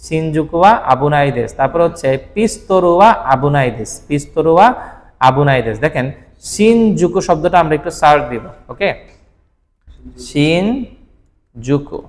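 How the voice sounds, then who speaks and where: A man's voice: fairly high pitch, expressive, moderate pace, long pauses, in a large hall. A man whose first language is Bengali teaches Japanese vocabulary in a patient classroom style, often checking that the listener follows.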